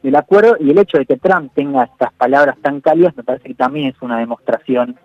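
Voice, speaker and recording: A man breaks down politics for a radio interview in a measured, analytical way, often stopping to rephrase. His voice comes through a dull, lo-fi line with no room echo, and his pitch sits mid-range. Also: a little mellow, soft background music. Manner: measured, analytical, peppers speech with "digo".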